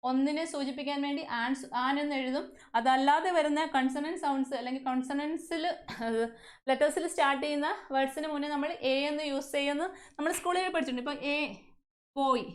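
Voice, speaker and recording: A woman's voice: high voice, steady tone, quick pace. A woman from Kerala with a Malayali accent teaching an English class, often asking questions and answering them herself. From Kerala, India. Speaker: English teacher at a coaching centre. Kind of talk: classroom lesson.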